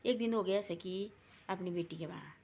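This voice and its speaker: A woman's voice: on the low side, moderate pace, gravelly, a little mellow, slightly rough. A woman telling a family folk story in a casual, rambling way, repeating herself and acting out the dialogue. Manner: rambling, repetitive retelling with quoted dialogue.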